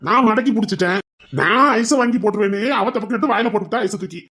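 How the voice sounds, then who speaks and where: A man's voice: high-pitched, sharp tone, breathy edge, full character voice. A man playing a cheeky young village man, who whines and protests his excuses. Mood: protesting. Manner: whining, protesting, rapid excuses.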